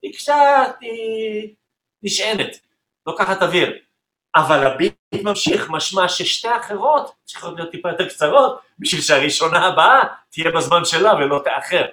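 A man's voice: high-pitched, animated, pushed and bright, roomy sound. Man teaching rhythm, counting beats aloud. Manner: counts beats aloud and vocalizes drum patterns; patient, explanatory. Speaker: music teacher. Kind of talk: explaining rhythm in an interview.

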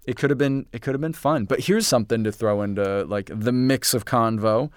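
A man's voice: mid-range voice, brisk, clean tone, no room sound, studio quality. A man co-hosting a podcast in casual chat, talking in enthusiastic, rambling stretches that often stop and restart. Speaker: podcast co-host.

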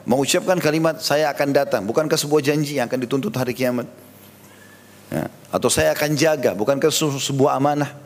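Guy preaching a story sermon, jokes around a bit, echoey hall sound. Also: medium pitch. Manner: lively retelling with acted quotes and light jokes.

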